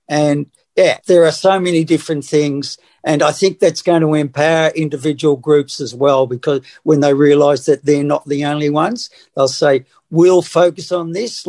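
A man's voice: fairly high pitch, darkish tone. A male co-host in casual chat, enthusiastic and encouraging.

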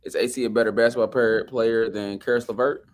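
A man's voice: mid-range voice, steady tone, a little fast, slight background noise. A man chatting casually about sports among friends in an agreeable, slangy way. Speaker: sports talk panelist.

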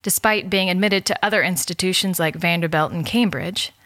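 A woman's voice: on the low side, brisk, a bit bright, no room sound. A woman reading scripted documentary narration as the host.

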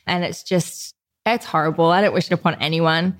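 This woman's voice is on the low side, with fairly even intonation and a fairly quick pace. A podcast guest from Australia, she is open and chatty about her life in a relaxed interview, using "like" again and again.

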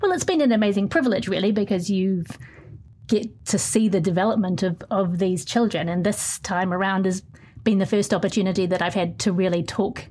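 Measured New woman reporter. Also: mid-range voice, darkish tone. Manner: measured, clear reading with some hesitant restarts when answering. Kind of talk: interview answers, then reading her own feature.

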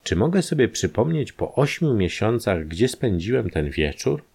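A man voicing an agitated middle-aged factory owner under suspicion, shouting in a raised, strained voice. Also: fairly low pitch, very animated, moderate pace, gravelly, breathy edge, voice pushed up, exaggerated voice. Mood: distressed.

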